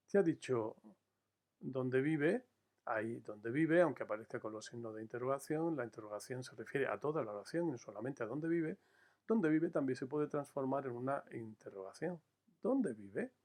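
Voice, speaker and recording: Measured male teacher. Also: medium pitch, darkish tone. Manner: measured, explanatory, stresses key words slowly; addresses students directly with frequent "eh" fillers. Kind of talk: recorded grammar lesson.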